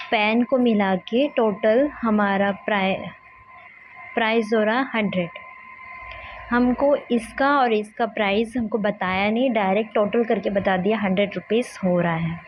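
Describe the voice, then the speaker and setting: A woman teaching a maths lesson, explaining step by step and often pausing to check that the class is following. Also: medium pitch, slight background noise. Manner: patient, repeats "ठीक है" to check along. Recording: dull lo-fi sound.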